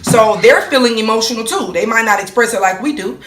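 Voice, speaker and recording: A woman's voice: a little high, lively intonation, brisk, fairly bright tone, distant mic, slight background noise. A woman explaining her monthly cycle in a casual way, asking herself rhetorical questions, answering them, and checking in with "okay?" and "right?". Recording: echoey room.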